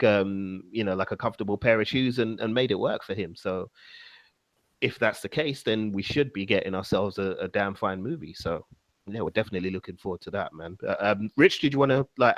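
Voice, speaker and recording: Deep-voiced laid-back podcast host. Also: male voice, fairly quick, no room sound. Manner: laid-back, many ums and you-knows, laughs easily. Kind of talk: casual chat.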